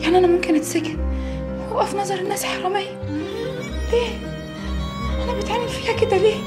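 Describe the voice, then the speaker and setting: A woman's voice: very high-pitched, racing, over loud music. A frightened, sobbing young woman. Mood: tearful. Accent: Egyptian. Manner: tearful, pleading. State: crying. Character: frightened poor young woman pleading innocence. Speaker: young woman accused of a crime. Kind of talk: TV drama acting.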